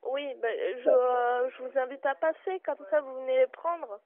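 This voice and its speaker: Her voice high and her speech a little slow, a bookshop clerk handles a customer service phone call with patience and polite firmness. The line sounds tinny.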